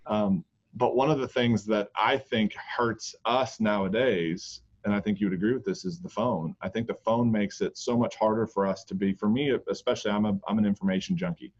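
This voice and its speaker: Speaking briskly in a lowish, slightly mellow voice, a male golf coach in his thirties chats on the podcast he co-hosts. He rambles, keeps restarting, and leans on fillers, all over dull, lo-fi audio.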